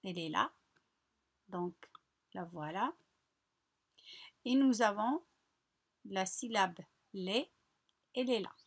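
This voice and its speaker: A woman teacher slowly guiding children through a French workbook lesson, repeating words and spelling out syllables patiently. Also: mid-range voice. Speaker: primary school teacher. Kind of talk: recorded lesson walkthrough.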